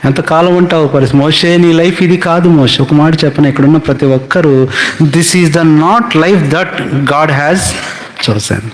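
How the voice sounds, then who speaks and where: Animated preacher guy, voice kinda high, swoops up and down a lot. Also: unhurried. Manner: animated, big swings in pitch. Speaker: pastor. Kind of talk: sermon.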